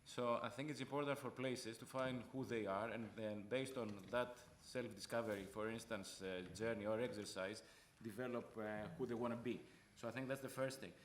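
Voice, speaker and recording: A man's voice: medium pitch, steady tone, moderate pace, hardly any pauses, reverberant, slight background noise. A man from Greece speaking as a panelist, earnest and repeating points for emphasis. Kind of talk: panel discussion.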